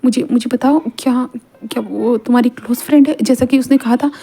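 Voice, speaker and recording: A woman's voice: fairly high pitch, fairly even intonation, a little fast. A woman voicing a hurt, jealous shy young man. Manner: stammering, quiet.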